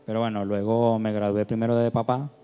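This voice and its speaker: A man's voice: fairly low pitch, little pitch movement, a little fast, warm tone, clear, resonant tone, in a large hall, lo-fi sound. A man giving a conversational sermon, telling stories and rising to emphatic peaks. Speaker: preacher.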